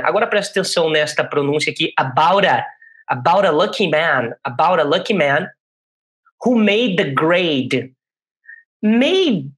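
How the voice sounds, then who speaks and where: A man with a Brazilian Portuguese accent teaching English in a chatty classroom style, slowly repeating English phrases and checking in with "né?". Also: high-pitched, a bit bright. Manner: chatty, frequent "né?" check-ins. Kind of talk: casual classroom explanation.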